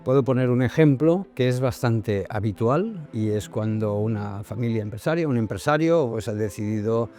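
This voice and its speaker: A man's voice: medium pitch, animated, normal speed, hardly any pauses, dark tone, soft background music. A man speaking as a private bank executive in a corporate interview, thoughtful and hesitant with many fillers.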